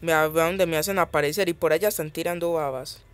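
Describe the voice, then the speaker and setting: A man's voice: a little high, steady tone, fairly quick, clear, resonant tone, no room sound. A man giving casual gameplay commentary as he plays a mobile game, chatty and thinking aloud, easily startled.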